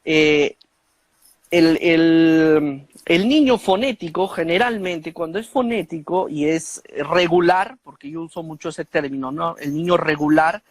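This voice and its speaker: Man, expert guest, didactic explaining, fillers and tag questions, slightly high pitch, dry close sound. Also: measured pace, dry recording. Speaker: guest expert on speech disorders. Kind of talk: explanatory conversation.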